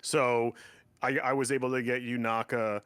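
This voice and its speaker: A man's voice: mid-range voice, flat delivery, normal speed, a bit bright, clear, resonant tone, dry recording, studio quality. A man hosting a casual gaming podcast, rambling with lots of fillers and frequent laughs. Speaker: podcast host.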